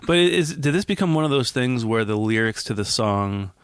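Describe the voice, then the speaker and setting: A man's voice: medium pitch, lively intonation, brisk, clear, resonant tone, dry recording. A man co-hosting a podcast, trading wry, quippy jokes in casual chat. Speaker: podcast co-host.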